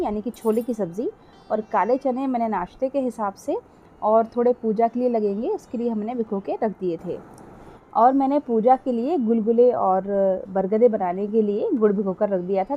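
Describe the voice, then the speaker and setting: A middle-aged woman narrates a cooking vlog in a slightly high voice with a dark tone. She's chatty, explains every step, and often addresses her viewers directly in this casual voice-over.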